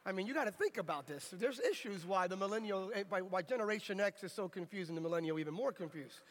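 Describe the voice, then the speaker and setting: A middle-aged American man preaching a sermon, telling lively, humorous stories. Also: high-pitched, fast talker. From United States. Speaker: pastor. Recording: reverberant hall.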